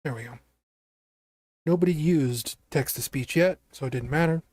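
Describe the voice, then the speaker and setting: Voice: medium pitch, normal speed, darkish tone, no echo, studio quality. Scratchy-voiced streamer chatting over games. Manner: chatty, reacting aloud, laughs easily. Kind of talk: casual gameplay commentary.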